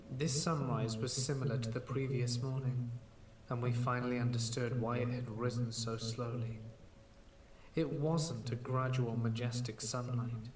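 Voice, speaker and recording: A man narrating a scripted horror story in a measured, slow storytelling manner. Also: mid-range voice. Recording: echoey room, distant mic, faint hiss.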